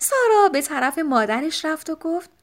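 Animated woman reading a children's storybook. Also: sits high. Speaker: audiobook narrator.

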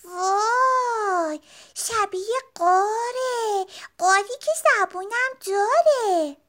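A woman voicing a curious little girl bear cub, speaking in a drawn-out, childlike, wondering way. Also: very high voice, bright, forceful tone, voice pushed up. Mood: eager.

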